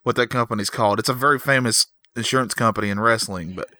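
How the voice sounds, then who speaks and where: A man's voice: mid-range voice, fast, pushed and bright, dry recording. A man co-hosting a podcast, chatting casually and hesitantly about wrestling news. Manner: hesitant, searches for words. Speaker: podcast co-host.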